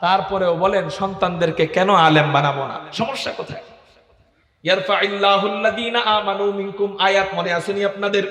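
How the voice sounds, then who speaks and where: A man with a Bangladeshi Bengali accent preaching a waz sermon to a crowd, shouting with passion and firing rhetorical questions, now and then chanting Arabic verses. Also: high-pitched, fairly even intonation, normal speed. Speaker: Islamic preacher. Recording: echoey PA sound with long reverb.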